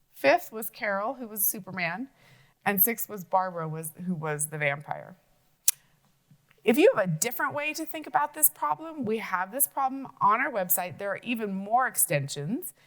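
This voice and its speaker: A woman's voice: medium pitch, fairly bright tone. A woman teacher walking young children through a logic puzzle, thinking aloud and asking them questions.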